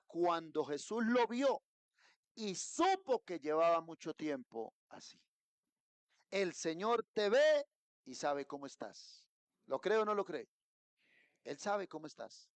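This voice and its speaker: A middle-aged Colombian man preaching a sermon as pastor, rising to emphatic peaks and dropping to quiet asides. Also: high voice, no room sound. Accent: Colombian Spanish. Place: church.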